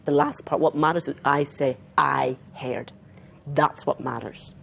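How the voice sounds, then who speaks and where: An Australian woman giving a conference talk as a trauma therapist, animated and acting out dialogue with clients. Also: sits low, normal speed, gravelly, a little hiss or hum. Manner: animated, acts out client dialogue, talks with her hands. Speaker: trauma therapist presenting to counsellors. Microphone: not handheld, clip-on.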